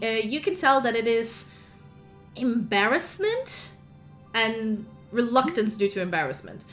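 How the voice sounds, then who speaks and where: A woman's voice: medium pitch, fairly bright tone. A woman narrating as game master, rambling through lore with lots of fillers.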